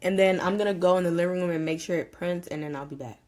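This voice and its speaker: Young woman, home tutorial vlogger, chatty and casual, slightly low-pitched, lots of um and y'all. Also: fast talker, darkish tone. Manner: chatty, filler-heavy, addresses viewers as y'all and you guys. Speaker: small business owner. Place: home room.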